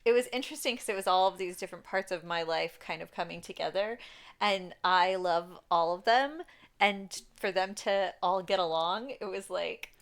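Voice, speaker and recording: A woman's voice: lowish voice, normal speed, fairly bright tone. A young adult woman co-hosting a podcast, chatting and telling a story in a rambling way, full of fillers and laughs. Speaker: podcast co-host. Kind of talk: casual chat, storytelling.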